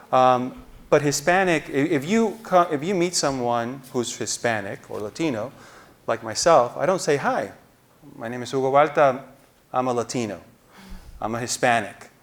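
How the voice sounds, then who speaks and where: A man in his forties from New Jersey, answering as a journalist on a stage panel, explaining at length and gesturing as he talks, into a lapel mic. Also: mid-range voice. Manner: explanatory, gestures while talking. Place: auditorium stage.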